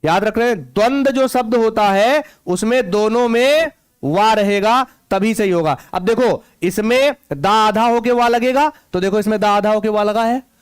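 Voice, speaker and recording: A male Hindi teacher leads an exam-prep spelling lesson, drilling his students with repeated check-in questions. His voice sits high and rings smooth and clear. The sound is close and dry, with no room around it. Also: measured pace, no echo.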